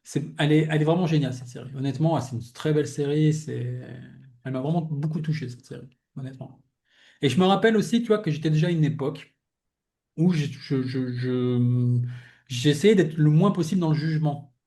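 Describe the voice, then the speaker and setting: His voice is warm, a bit high and slightly quick. The young adult podcast host reflects on personal thoughts in a relaxed, sincere conversation with a guest, rambling, restarting phrases and leaning on "tu vois" as filler.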